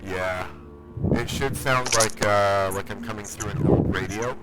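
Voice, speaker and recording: A man's voice: fairly low pitch, unhurried. A man running a tabletop game, speaking through a voice changer that makes him sound like an old radio, checking that his players can understand him. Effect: voice changer making him sound like an old radio. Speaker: game master. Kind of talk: casual tabletop game chat.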